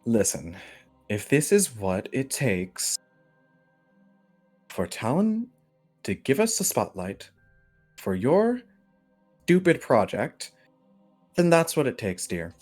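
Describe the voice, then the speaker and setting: Brief: scornful noblewoman mother in a tabletop game, raised and loud, played by a man. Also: medium pitch, wildly swooping pitch, takes it slowly, long pauses, faint music behind, pitched above the performer's own voice, exaggerated voice. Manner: scornful, cutting. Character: haughty scheming noblewoman mother.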